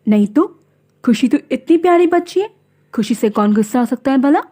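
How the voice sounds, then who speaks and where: A woman voicing a kind middle-aged father who speaks calmly and affectionately in a storybook. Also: high voice, fairly quick. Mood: reassuring. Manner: calm, affectionate.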